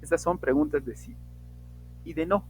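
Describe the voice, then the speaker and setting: A man teaching English in an online class, slowly and emphatically modeling example sentences. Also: a little high, darkish tone, faint music behind, poor audio.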